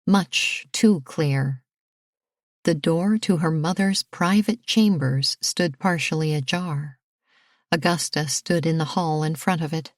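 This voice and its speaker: A woman narrating a historical romance audiobook in a measured, expressive reading. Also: lowish voice, no room sound, clean studio sound. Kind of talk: scripted narration.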